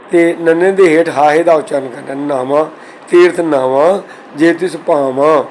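A man's voice: fairly high pitch, darkish tone, a little hiss or hum, low-quality recording. Punjabi man teaching scripture pronunciation. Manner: slow careful recitation of verses between explanations. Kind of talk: scripture explanation lesson.

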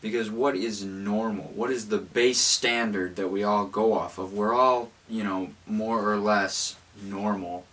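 A man's voice: lowish voice, fairly even intonation, unhurried, few pauses, a bit bright. A young man in his late teens talking reflectively to camera, his mouth held a little stiffly because of a cold sore on his lip. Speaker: vlogger. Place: small cluttered bedroom, indoors. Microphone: camera a few feet away.

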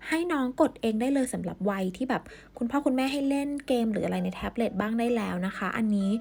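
A woman's voice: on the high side, fast talker, vocal fry. A woman speaking as a mother and vlogger, giving a casual, chatty app demonstration in a polite way. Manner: polite, softened with frequent particles.

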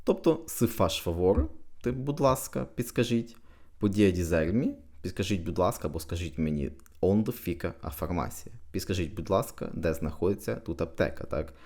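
Male tutor, deep mellow voice, patient step-by-step explainer. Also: expressive, moderate pace. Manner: patient, repeats each phrase twice with translation. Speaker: language teacher. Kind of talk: explaining Portuguese phrases in Ukrainian.

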